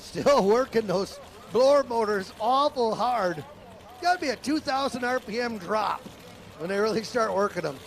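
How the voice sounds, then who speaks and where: A man's voice: sits high, expressive, normal speed, slight background noise. A man working as a tractor pull announcer, calling competitors and reading sponsor plugs live. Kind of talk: live event announcing with sponsor reads and banter.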